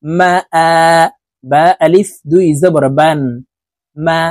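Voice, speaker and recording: A man teaching Quran letter reading, spelling out each syllable and then slowly drawing out the whole word. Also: on the high side, steady tone, a little mellow, dry recording. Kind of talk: slow spelled-out recitation lesson.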